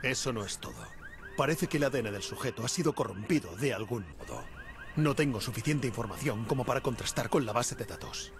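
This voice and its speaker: A grim masked vigilante. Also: male voice, a little fast, gravelly. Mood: grave. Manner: terse, analytical, low and steady. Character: grim male masked vigilante detective, serious. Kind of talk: Spanish game dub. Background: game music.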